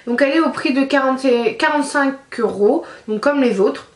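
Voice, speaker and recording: A woman chats through a makeup palette review in a relaxed, rambling way, pausing often on fillers. Her voice sits a little high. The room around her rings with a noticeable echo. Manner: chatty, lots of hesitations. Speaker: beauty vlogger. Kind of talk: casual product review.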